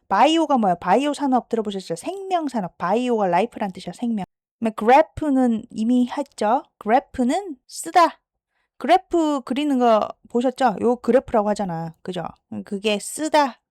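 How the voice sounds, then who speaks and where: A woman teaching English vocabulary in a lecture style. She checks understanding with frequent questions and slows down to sound out English words. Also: on the high side, darkish tone, dry recording, clean studio sound.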